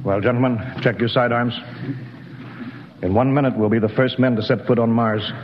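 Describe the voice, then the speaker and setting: A man's voice: medium pitch, fairly even intonation, normal speed, lightly acted. A man playing a cool, authoritative spaceship captain who gives clipped military orders, in 1950s radio drama style. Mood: firm, tense. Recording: noisy muffled 1950s radio recording.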